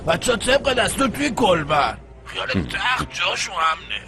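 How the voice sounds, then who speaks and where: A man's voice: high-pitched, wildly swooping pitch, full character voice. A man dubbing a henchman who reassures his boss that everything is under control, in a TV drama. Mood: reporting. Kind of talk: dubbed TV drama.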